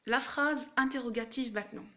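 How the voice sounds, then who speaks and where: A woman teacher explaining French grammar in a slow, careful way, giving examples as she goes. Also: fairly high pitch, sharp tone. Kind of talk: grammar lesson.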